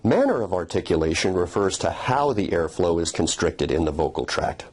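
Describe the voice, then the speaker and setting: A man gives a scripted phonetics lesson in a deep, husky voice. His intonation rises and falls widely as he methodically explains and sounds out each consonant. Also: very animated, moderate pace, darkish tone. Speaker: phonetics instructor. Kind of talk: scripted educational narration.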